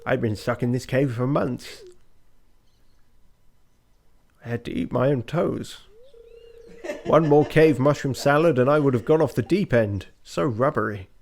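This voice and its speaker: A man's voice: medium pitch, moderate pace, vocal fry, a little mellow, pitched above the performer's own voice, close to an everyday voice. A man voicing a chatty, very old male professor in a video game, reading his dialogue aloud. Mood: relieved. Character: chatty old male professor, cheerfully eccentric cave survivor.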